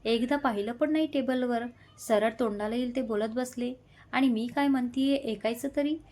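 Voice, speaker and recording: Brief: woman reading a nervous young office worker, polite, hesitant, mutters under her breath, slightly high voice. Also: normal speed, dark tone, lightly acted. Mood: annoyed muttering.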